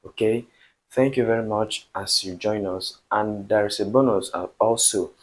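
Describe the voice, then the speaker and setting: A man from Nigeria teaching a beginner language lesson, speaking slowly and repeating each word for practice. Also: lowish voice.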